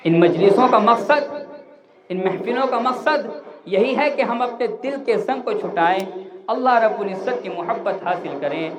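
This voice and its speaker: High-voiced male preacher before a crowd. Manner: storytelling sermon, swings between hushed low phrases and raised exclamations. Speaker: Sufi preacher. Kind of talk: sermon. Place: religious gathering hall.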